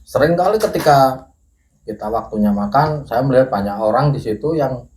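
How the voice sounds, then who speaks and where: A middle-aged man telling a ghost story in casual chat, measured and unhurried, clearing his throat now and then. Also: medium pitch, animated, darkish tone. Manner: measured storytelling with pauses and occasional coughs. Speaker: guest storyteller. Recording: echoey room with faint noise.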